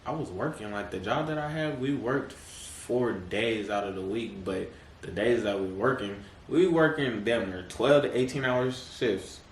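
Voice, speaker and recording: A man's voice: lowish voice, a little slow. Laid-back man in an echoey room. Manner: laid-back slang, many fillers, laughs often. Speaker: podcast guest. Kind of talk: casual chat. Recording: echoey room, mic at a distance, faint noise.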